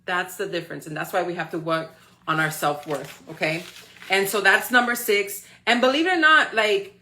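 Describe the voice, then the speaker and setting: On the high side and sharp in tone, this woman is a motivational speaker in her forties. Her live-stream talk is encouraging and full of check-ins like "okay?" and "right?"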